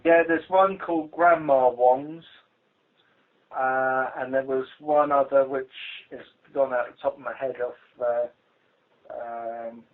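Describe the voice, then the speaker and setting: Speaking slowly and steadily in a mid-range voice, a British police investigator runs through an informal briefing by phone, dry, blunt, and hesitant in his manner. The conference call recording is muffled.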